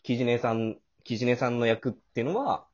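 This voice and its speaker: Over a slightly muffled, lo-fi voice call, the host and producer of an audio drama chats casually backstage, explaining things as he goes. He speaks briskly in a mid-range voice, with a crowd audible behind him.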